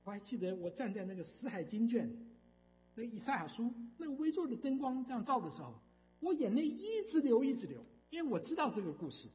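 An older man tells a story from the pulpit, his voice high and swinging widely up and down. He talks emphatically, with many fillers between phrases. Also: sing-song, brisk, darkish tone. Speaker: speaker giving a testimony. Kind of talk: storytelling sermon.

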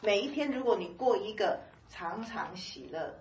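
A woman giving a conversational sermon-style Bible teaching, lively and chatty, laughing often and dotting her talk with soft filler particles. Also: medium pitch, normal speed, reverberant, far from the mic, muffled recording.

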